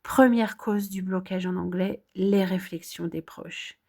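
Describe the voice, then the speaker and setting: A woman's voice: mid-range voice, measured pace, gravelly. Encouraging French woman teaching. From France. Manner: encouraging, direct, lively emphasis. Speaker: English teacher. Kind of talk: casual video lesson.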